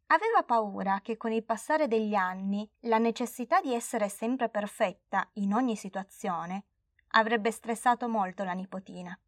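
A woman narrating a children's storybook in a clear, steady, expressive way. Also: on the high side, no echo, studio quality.

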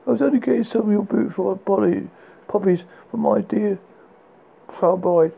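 A man voicing a terrified poor husband who stutters and pleads for mercy, pitched well above his own voice. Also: moderate pace, gravelly, husky, phone-quality sound, exaggerated voice. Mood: pleading.

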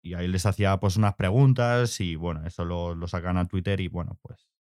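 Young man, low voice, casual podcast chat, rambling storyteller, dry close sound. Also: fairly even intonation, a little fast, darkish tone, dry recording. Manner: rambling storytelling with fillers and swearing. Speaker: podcast co-host.

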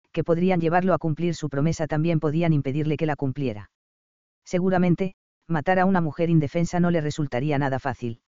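A man narrating a romance novel audiobook in a calm, even storytelling manner. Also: a little high, clean tone, dry recording, lo-fi sound.

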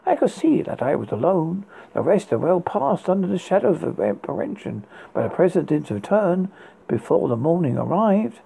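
A horror host reading dark gothic tales in a raspy, gravelly voice, dramatically but haltingly, with stumbles and repeated words. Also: mid-range voice, sing-song, low-quality recording.

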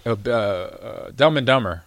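A man's voice: medium pitch, lively intonation, unhurried. A man hosting his own show, chatting casually and telling a rambling story full of fillers and laughs. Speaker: show host, former football player. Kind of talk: casual chat.

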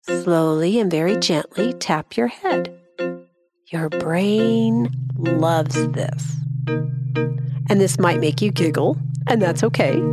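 A woman gently guiding children through a mindfulness exercise in soft, slow instructions. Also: lowish voice. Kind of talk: guided meditation. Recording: voice over clear music. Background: background music.

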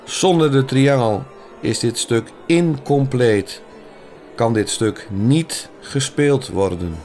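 A man's voice: mid-range voice, slow, soft background music. A man voicing an alarmed male orchestra conductor who calls out urgently to stop the rehearsal. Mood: earnest. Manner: shouting, urgent.

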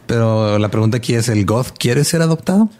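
A man's voice: medium pitch, animated, fairly quick, darkish tone. A young man co-hosting a podcast in casual, slangy chat, often laughing. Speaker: podcast co-host.

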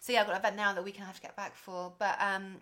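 A woman's voice: mid-range voice, flat delivery, very fast, fairly bright tone. A woman with a posh British accent, a podcast guest chatting casually and eagerly explaining things, with some stumbles over her words. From England. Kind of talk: casual chat.

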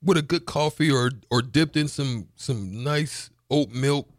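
A male radio co-host in casual, joking banter who gets excitable and hypes himself up. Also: medium pitch, measured pace, no echo, studio quality. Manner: excitable, joking, shouts out and laughs.

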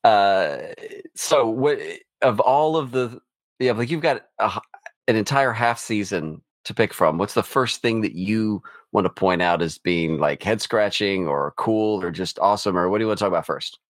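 Middle-aged male co-host, low voice, dry close sound, casual and stammering. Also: normal speed, dry recording. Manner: restarts often, with playful laughter. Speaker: podcast co-host. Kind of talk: casual sports chat.

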